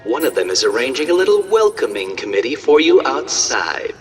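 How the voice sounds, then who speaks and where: A man's voice: medium pitch, big pitch swings, brisk, faint music behind, close to an everyday voice. A man playing a pompous, mocking villain who taunts with riddles in a theatrical video game monologue. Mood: smug, taunting.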